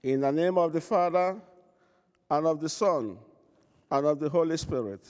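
A man leading a church service, reciting set prayers in a slow, measured way, with a long cathedral-like echo around his voice. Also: on the high side, animated, darkish tone, clear, resonant tone. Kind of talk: liturgical recitation.

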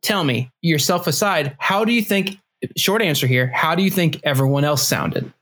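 Guy hosting a podcast with buddies, kinda high voice, rambles and restarts a lot. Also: normal speed, a bit bright. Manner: rambling, self-correcting, joking. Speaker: podcast host and editor. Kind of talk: casual podcast chat.

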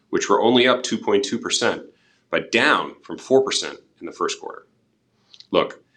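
Very deep, forceful male market commentator. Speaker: podcast host, portfolio manager.

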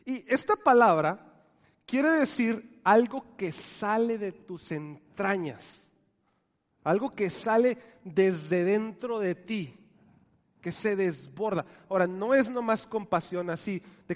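The sermon comes from a high-voiced pastor whose delivery drops to quiet near-whispers and then builds back up. He quizzes his congregation and has them echo words, all with a big-room sound.

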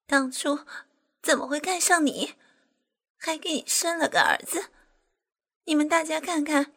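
A woman voicing a furious young woman who shouts her indignation in an audiobook scene. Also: sits high, pitched above the performer's own voice. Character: furious young woman, scorned ex-lover, shrill. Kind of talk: audiobook character voice.

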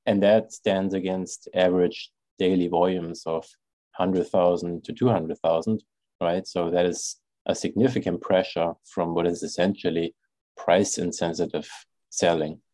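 A man with a low, mellow voice hosts a financial podcast. He speaks in the role of presenter, with a rounded, slightly dark tone. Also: fairly even intonation, a little slow, no echo. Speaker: podcast host.

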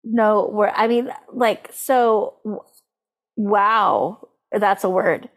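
Speaking very slowly at a medium pitch, a woman co-hosts a podcast of casual comedic chat. Her talk is informal and incredulous, and now and then she reads aloud dramatically.

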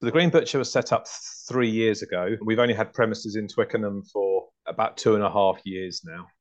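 A man's voice: on the low side, fairly quick, muffled recording. A man in his forties with an English home counties accent, answering interview questions conversationally and often rephrasing as he goes. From southern England (north London and Hertfordshire). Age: 40s. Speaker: podcast guest, butcher and farm shop founder.

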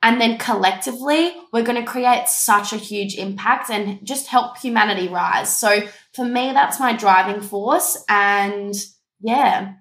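This young Danish woman, a business coach, tells her story earnestly and reflectively as a guest in a casual interview. Her voice is fairly high and a bit bright, with a measured pace, recorded in an echoey room.

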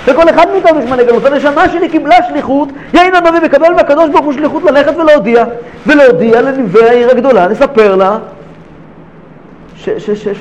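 Very high-voiced man teaching Torah. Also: slight background noise, low-quality recording. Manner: rhetorical questions, swings between hushed and emphatic.

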